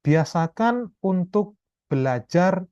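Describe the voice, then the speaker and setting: A man lecturing a class over a video call, explaining step by step in a chatty way and often tagging his sentences with quick checks. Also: sits high, lively intonation, warm tone, clear, resonant tone, dry recording, dull audio. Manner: chatty, explanatory, keeps adding tag questions. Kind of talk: online class talk.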